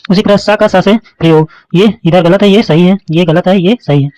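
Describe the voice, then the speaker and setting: High-voiced man teaching grammar, dry sound. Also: brisk, darkish tone, dry recording, poor audio. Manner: repetitive, checks understanding often. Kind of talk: online lesson explaining spelling mistakes.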